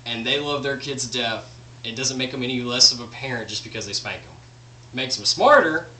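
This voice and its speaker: A man's voice: medium pitch, a little fast, bright, forceful tone. A young man vlogging a blunt, profane rant. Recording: roomy echo, distant mic, faint hum.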